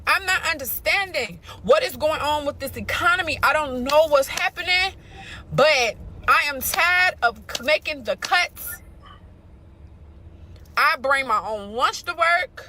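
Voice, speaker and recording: High, animated woman venting. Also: a little slow, slight background noise. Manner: exasperated, repetitive venting. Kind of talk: venting in a video clip.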